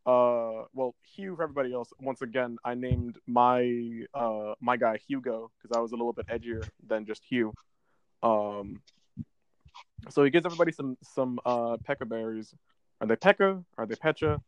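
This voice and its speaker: A man's voice: mid-range voice, steady tone, normal speed, clean tone, no echo, highs cut off. A man co-hosting a casual podcast about a video game, rambling and often stumbling over his words. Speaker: podcast co-host.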